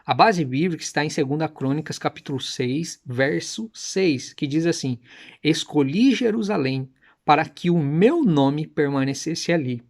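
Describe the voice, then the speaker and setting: A young man preaching and teaching with emphatic, persuasive delivery, slowing down to repeat Hebrew words carefully. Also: on the high side. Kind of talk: teaching sermon to camera.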